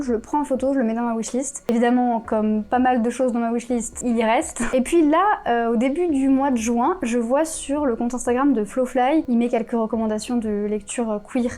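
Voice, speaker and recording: A woman's voice: on the high side, warm tone. A young woman from France with a French accent, chatting casually about books, with many fillers and self-corrections. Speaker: book youtuber. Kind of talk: casual chat.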